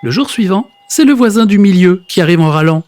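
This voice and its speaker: A man reads a children's story aloud, gentle and expressive, with a voice a little higher than most men's. A clear hiss runs under the recording. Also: brisk. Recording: hissy recording.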